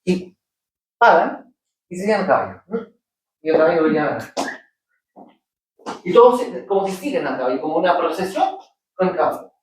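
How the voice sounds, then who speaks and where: A middle-aged man with a Chilean accent, a professor lecturing his class and telling lively anecdotes, acting out the characters. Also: high-pitched, normal speed, pauses often. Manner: animated, acts out characters in anecdotes. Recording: echoey room from far off.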